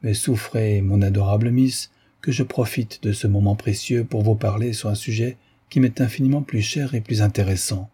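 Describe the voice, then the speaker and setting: Man reading a pushy period suitor, flowery and pleading, low and husky, audiobook style. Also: fairly even intonation, moderate pace, few pauses, warm tone. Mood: ardent pleading. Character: ardent, pushy young gentleman suitor.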